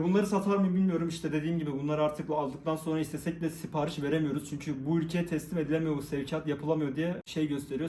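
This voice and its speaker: A man's voice: a little high, mellow, roomy sound, a little hiss or hum. Chatty young man unboxing. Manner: chatty, jokey, addresses viewers. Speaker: vlogger. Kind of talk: casual unboxing vlog.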